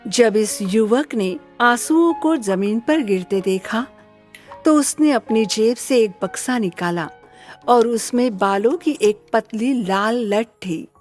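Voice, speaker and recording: A woman narrating a children's fairy tale in a gentle storybook manner. She speaks slowly, and her high voice rises and falls in a lively, lilting way. Soft music plays faintly underneath.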